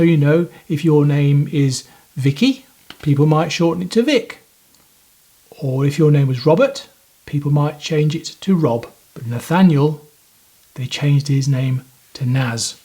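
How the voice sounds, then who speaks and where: Slow, gentle man reading to children. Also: on the high side. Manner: addresses children directly, unhurried. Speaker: storyteller.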